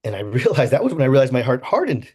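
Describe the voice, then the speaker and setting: Husky guy telling his life story, goes quiet then gets all fired up. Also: mid-range voice, very fast. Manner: emotional, swings from hushed to excited. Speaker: motivational speaker. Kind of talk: personal story told to an audience.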